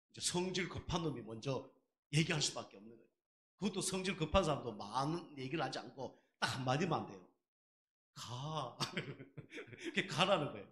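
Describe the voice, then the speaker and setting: Man, pastor, sermon, rhetorical questions, lively pitch, echoey sanctuary. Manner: conversational preaching with rhetorical questions.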